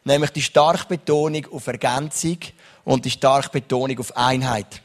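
A man's voice: medium pitch, moderate pace. A young man preaching a sermon as pastor, reading Bible verses and often turning to his listeners with a questioning "oder?". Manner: lively preaching, reads Bible verses, asks the crowd "oder?".

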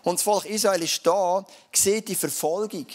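A man's voice: sits high, normal speed. A man with a Swiss German accent preaching a sermon in a casual, conversational way, often adding dialect fillers. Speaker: pastor.

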